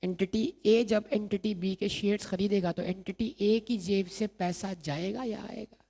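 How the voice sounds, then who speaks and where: A man's voice: high voice, fairly even intonation, a little slow, vocal fry, mellow. A man lecturing on accounting, asking the class questions and answering them himself while repeating key terms. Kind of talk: recorded exam-prep lecture.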